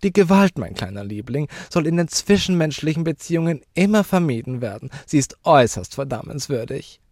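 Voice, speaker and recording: A man's voice: animated, fairly quick, darkish tone, no echo, studio quality. A man doing a prim, prissy old widow. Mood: preachy. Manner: high, affected, preachy. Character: prim, prissy middle-aged widow lady.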